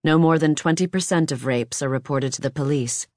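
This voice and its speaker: An audiobook narrator giving a measured, even reading of nonfiction, recorded close in a booth. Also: medium pitch, no room sound.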